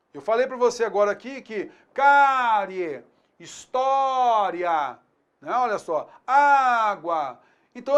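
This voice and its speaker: A teacher with a Brazilian Portuguese accent records a grammar lesson for students. He speaks right to the learner and keeps checking in with quick questions. He stretches each example word out slowly, then goes back to a brisk, friendly pace. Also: medium pitch. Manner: lively, talks straight to the student, checks in with filler words; stretches words slowly when he models them.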